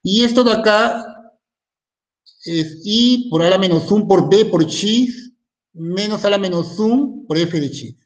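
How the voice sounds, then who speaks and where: A man's voice: high voice, slow pace. A man teaching a recorded university math lecture in in, thinking aloud and often stopping to ask "¿no?".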